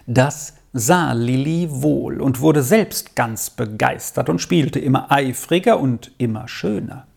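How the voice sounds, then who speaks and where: A narrator reading a children's story aloud in a calm, measured storytelling manner. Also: mid-range voice, vocal fry, breathy edge. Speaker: audiobook narrator.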